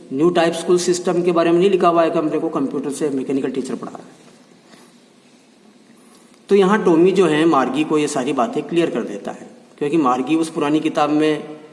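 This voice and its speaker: A male teacher explaining an English textbook lesson in Hindi. He reads the English lines slowly, then explains them and repeats the meanings with frequent check-ins. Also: on the high side. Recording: echoey room, voice from far off.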